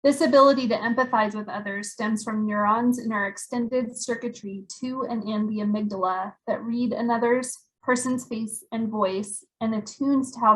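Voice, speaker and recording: A woman with a somewhat high voice presents prepared training material. Her delivery is steady and explanatory, like a scripted presentation. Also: rough recording. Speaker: workshop presenter.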